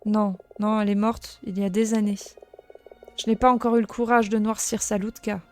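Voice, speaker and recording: A woman reading the lines of an earnest young male rat guard in a video game, in a plain, soft-spoken way. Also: mid-range voice, little pitch movement, moderate pace, faint music behind, natural voice.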